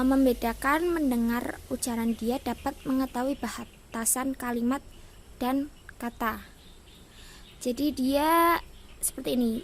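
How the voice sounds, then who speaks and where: A woman's voice: sits high, slight background noise. A young woman from Indonesia giving a casual class presentation as a student, hesitant, with many fillers and restarts. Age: young adult.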